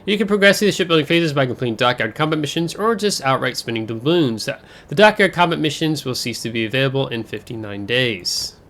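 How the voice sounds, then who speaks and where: A man's voice: medium pitch, lively intonation, fairly quick, few pauses, a bit bright. A man hosting a casual game overview, talking in a chatty, rambling way with fillers and self-corrections, his voice a bit congested from air travel. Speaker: gaming channel host.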